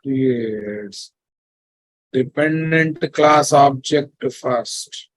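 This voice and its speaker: Speaking very slowly in a mid-range voice, a male programming instructor with a Telugu Indian English accent delivers a classroom lecture. He repeats things and frequently makes sure his listeners understand.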